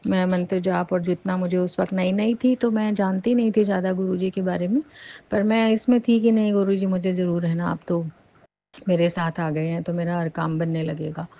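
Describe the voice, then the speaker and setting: A woman tells a personal testimony in a casual storytelling manner, her voice warm and mellow. She retells events with animation and often restarts her sentences with fillers. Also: on the low side, little pitch movement, moderate pace, muffled recording. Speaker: devotee sharing a testimony. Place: lives near Jaipur.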